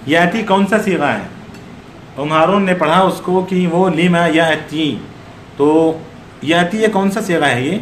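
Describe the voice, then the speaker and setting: Higher-voiced man teaching grammar in an echoey room. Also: measured pace, a little hiss or hum. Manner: quizzes students, corrects patiently. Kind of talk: online Arabic grammar class.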